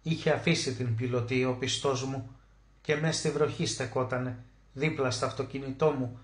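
A man narrating a literary short story as an audiobook, emotive, slowing down to stress key words. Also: mid-range voice, steady tone. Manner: emotive, with slow drawn-out emphasis on key words. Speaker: audiobook reader. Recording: roomy echo.

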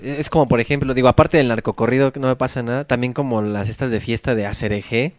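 A man's voice: medium pitch, fairly even intonation, fast, no echo. Slangy Mexican man telling stories. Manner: slangy, rambling storytelling. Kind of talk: casual podcast chat.

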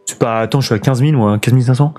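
A man's voice: medium pitch, racing, warm tone, soft background music. A man streaming a building game, thinking aloud and chatting with his viewers in a casual way. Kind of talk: casual let's play commentary.

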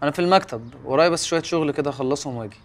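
An actor with an Egyptian accent playing Youssef, a young, hot-tempered, jealous husband in a TV comedy. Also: male voice, a little high, noisy background, lightly acted. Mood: worried. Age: young adult. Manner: loud and fast, shouting threats.

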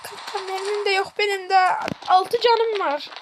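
A woman gaming streamer giving live gameplay commentary, excitable and yelping repeated words in tense moments. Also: very high voice, normal speed, very noisy. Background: loud game music and gunfire.

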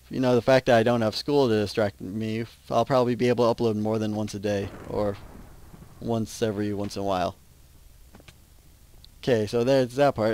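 Rambling teen gamer. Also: male voice, medium pitch, a little mellow, dry recording. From Minnesota. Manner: rambling, self-interrupting, chatty. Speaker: gaming channel host. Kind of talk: casual gameplay commentary.

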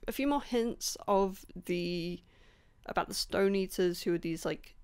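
A woman chatting casually about books she has read, rambling with many ums, apologizing and laughing softly, her voice a bit rough. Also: lowish voice, measured pace. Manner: apologetic, laughs between points. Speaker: book vlogger. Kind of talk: casual book review chat.

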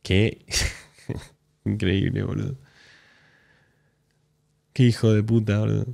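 A man's voice: fairly low pitch, flat delivery, slow pace, creaky, a little mellow. A man with an Argentine accent, hosting a live stream and reacting to clips in blunt, sarcastic, profanity-heavy commentary. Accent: Argentine Spanish. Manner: blunt, sarcastic, swears often.

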